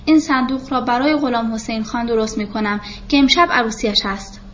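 A woman's voice: on the high side, dull audio, slight background noise, close to an everyday voice. A woman voicing a stubborn old male carpenter who talks bluntly and plainly, in a storybook reading.

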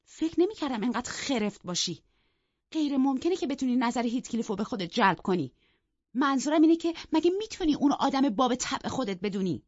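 A woman voicing a proud, sharp-tongued young woman who mocks and scolds in an audiobook. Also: on the high side, lively intonation, dry recording, pitched above the performer's own voice. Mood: scornful. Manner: cutting and mocking. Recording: dull, dry lo-fi recording.

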